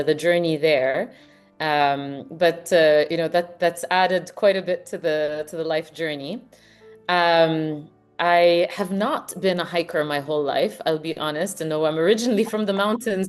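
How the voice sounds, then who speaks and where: Interview guest, woman, forties, from Lebanon; earnest, restarts often; lowish voice over soft music. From Lebanon, raised partly in the US. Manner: earnest, reflective, with frequent restarts. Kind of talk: casual interview chat.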